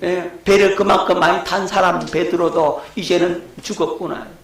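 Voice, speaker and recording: A man's voice: high voice, fairly even intonation, moderate pace, creaky, roomy sound, low-quality recording. A middle-aged male pastor, preaching a lecture-style sermon and asking his congregation questions. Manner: rhetorical questions to the congregation, shouting acted quotes.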